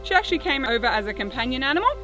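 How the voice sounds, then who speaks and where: A woman's voice: high voice, very animated, very fast, music in the background. A woman with an Australian accent gives a friendly, educational zookeeper talk, explaining things simply. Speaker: zookeeper, dingo keeper presenting. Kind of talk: educational keeper talk to camera.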